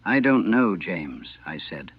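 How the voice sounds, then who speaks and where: A man, a former army chaplain from the United States, recalling the war in a grave, measured and haunted way, heard on an old archival recording. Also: deep voice, very animated, slightly rough, dry recording. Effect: old archival recording, narrow and tinny. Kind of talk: solemn first-person recollection. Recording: tinny, dry, lo-fi old recording.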